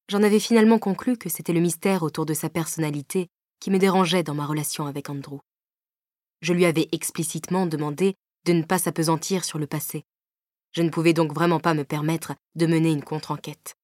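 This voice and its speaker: Measured woman narrating an audiobook. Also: deep voice, no echo, clean studio sound. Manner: even, measured first-person storytelling. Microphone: close studio microphone.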